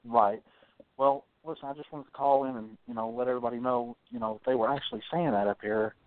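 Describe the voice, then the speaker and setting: Male call-in caller heard over the phone, a mid-pitched man from South Carolina who meanders and hedges. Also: sing-song, fast talker, dry recording. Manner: meandering, hedging, clears throat often. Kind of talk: casual call-in chat. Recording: tinny phone line, dry.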